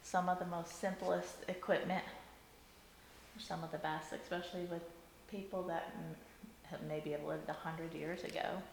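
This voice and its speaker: Gravelly, echoey woman on a ghost hunt. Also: fairly low pitch, level tone, moderate pace. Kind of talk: casual commentary during paranormal investigation. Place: inside an old general store at night. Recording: echoey reverberant room with faint noise.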